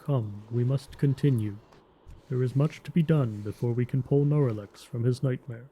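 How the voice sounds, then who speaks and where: A man voicing a solemn, earnest Tauren druid disciple who speaks gravely and formally in a fantasy game story. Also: mid-range voice, warm tone, a little hiss or hum, natural voice. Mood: somber, resolute. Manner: grave, deliberate druid speech, formal phrasing.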